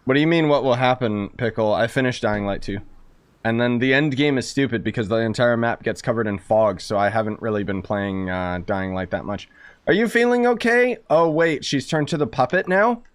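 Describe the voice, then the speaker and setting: A young man who streams games comments as he plays, joking and sarcastic in let's-play style and often bursting into exclamations. His mid-range voice is clear and resonant at a moderate pace, with game music in the background.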